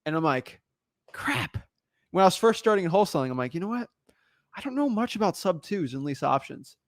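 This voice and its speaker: A young podcast host with a high, bright voice talks fast and animatedly in a casual chat, full of energy. The sound is close and dry, with no room and no echo.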